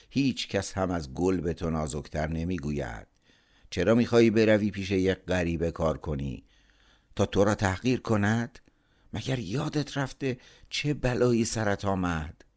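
A man's voice: sits low, a little mellow, close to an everyday voice. A man voicing a pushy older uncle who lectures insistently in an audiobook. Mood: lecturing.

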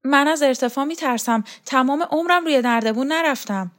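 Meek young woman, voice pitched high and small, pleading softly and unsure of herself, voiced by the woman reading. a gentle storybook heroine who backs away rather than argue. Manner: pleading, hesitant.

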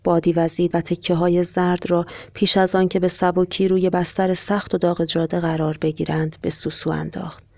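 Story narrator, steady reading, gravelly and flat. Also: medium pitch, few pauses, dry recording. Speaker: podcast storyteller. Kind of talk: scripted narration.

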